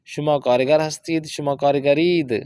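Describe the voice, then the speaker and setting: Man teaching Persian lessons, higher voice. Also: fairly even intonation, darkish tone, smooth, no room sound. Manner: slow, drawn-out reading of example sentences. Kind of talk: language lesson explaining book exercises.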